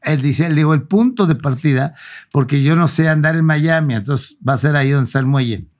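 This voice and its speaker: A man's voice: on the high side, a little fast, darkish tone. A man, a podcast guest telling a long anecdote in a casual way and acting out both sides of the dialogue. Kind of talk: casual storytelling.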